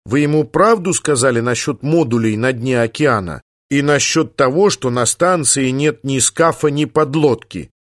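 A skeptical engineer asks wry, probing questions, as a man plays him in an audiobook. The voice sits at a mid pitch, close to the reader's own. The recording is dry and intimate. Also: moderate pace, dry recording, close to an everyday voice. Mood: questioning.

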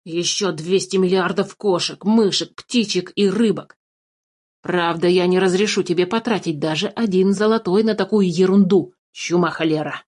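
A woman's voice: on the low side, normal speed, natural voice. A woman doing a fussy gray-bearded old dwarf. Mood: excited grumbling. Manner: fussy, excitable, keeps cursing. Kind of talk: storybook reading.

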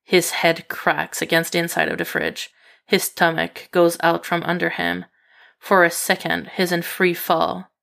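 A woman reading fan fiction aloud as steady, even narration. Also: on the low side, unhurried, vocal fry. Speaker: reader.

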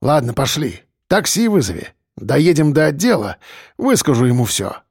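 Man doing a gruff, grumpy police chief. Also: a little high, sing-song, normal speed, a little mellow, no room sound, clean studio sound, heavily acted. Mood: grumpy, irritable. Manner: gruff, muttering, curt. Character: grumpy heavyset male police chief, blunt and irritable. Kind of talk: audiobook character voice.

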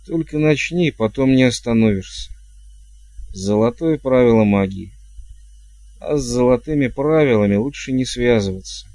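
A man reading an audiobook, voicing an old village witch who gives curt, evasive answers, with a dark, mellow tone in a dry recording. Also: medium pitch, normal speed, gravelly, no echo, natural voice.

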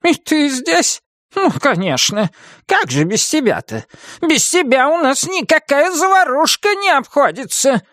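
A woman's voice: high voice, expressive, a little slow, a bit bright, no echo, clean studio sound, pitched above the performer's own voice. A woman voicing a furious, scolding old witch in an audiobook, shrieking and drawing out her angry words. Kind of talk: audiobook character voice.

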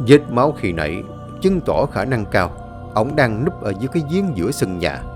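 A stern old grandfather, played by a male reader, lower and graver than the narration and firmly commanding. His voice still swings widely as he explains, and calm new-age music plays clearly underneath. It sounds like a horror audiobook. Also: brisk. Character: stern old grandfather, ghost-fighting sage.

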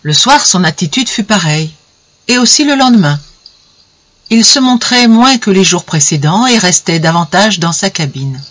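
A reader narrating a classic short story in a measured, expressive way. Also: medium pitch. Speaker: audiobook reader. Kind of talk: literary narration.

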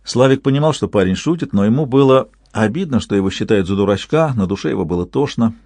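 A man reading a literary story aloud in an expressive way, changing his voice for the figures. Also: fairly low pitch, fast talker, dry recording. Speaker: narrator, reader.

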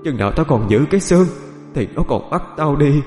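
Ghost of an old grandmother, done by a man, weeping, feeble, pleading, raised pitch. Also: expressive, a little fast, echoey room, in a large hall, over music, natural voice. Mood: wailing lament. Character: wailing spirit of a dead grandmother, old woman, suffering.

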